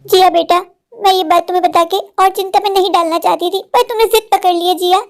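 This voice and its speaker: A woman's voice: very high voice, fairly even intonation, quick pace. A woman voicing an anxious, possessive village mother in a cartoon, doting and insistent with her daughter. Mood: tender. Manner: doting, insistent, says "meri jaan". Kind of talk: Hindi cartoon voice acting.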